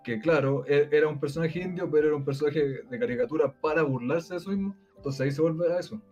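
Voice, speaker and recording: A man's voice: a little high, quick pace, a little mellow, lo-fi sound, faint music behind. A Chilean man with a Chilean Spanish accent debating in casual chat, rambling with many fillers and restarts.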